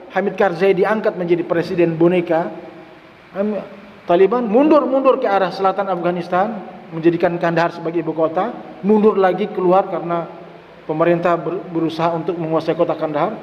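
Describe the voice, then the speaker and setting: Male preacher with a higher voice, emphatic and repetitive, recorded lo-fi in a reverberant mosque hall. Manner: repeats words for emphasis, mixes in Arabic phrases. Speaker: Islamic preacher. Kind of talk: mosque study-session sermon. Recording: echoey mosque hall, dull lo-fi sound.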